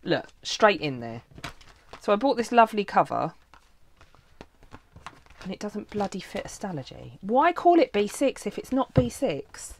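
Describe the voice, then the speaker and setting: A woman's voice: medium pitch, big pitch swings, measured pace, long pauses, a little hiss or hum. A woman, a planner vlogger, chatting casually and swearing freely as she talks through setting up her planner at her crafting desk.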